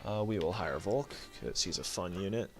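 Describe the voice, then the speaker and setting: A man's voice: sits low, normal speed. A man giving casual gameplay commentary as a let's play host, rambling, correcting himself and swearing offhand as he thinks aloud.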